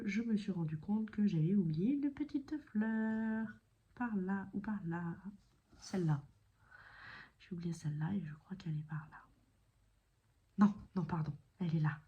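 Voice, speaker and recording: Chatty woman with a soft, mellow voice. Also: mid-range voice. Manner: chatty, rambling, many fillers and self-corrections. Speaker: cross-stitch video creator. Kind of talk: casual chat showing stitching projects.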